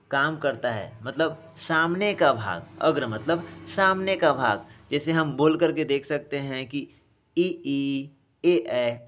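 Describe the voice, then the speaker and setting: A man teaching a grammar lesson, speaking each sound aloud, repeating key terms and addressing his students as friends. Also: a little high.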